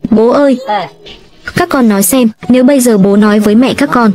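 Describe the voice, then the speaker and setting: A woman's voice: a little high, fairly quick, darkish tone, faint music behind, close to an everyday voice. A woman voicing an easygoing young husband who secretly has money and likes to tease. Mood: playful.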